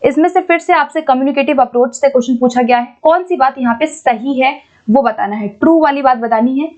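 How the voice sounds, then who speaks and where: A woman teaching an exam-prep lesson, patiently explaining and reading English questions out slowly. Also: high-pitched, darkish tone, dull audio. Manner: explains patiently, repeats points, keeps checking with "ठीक है".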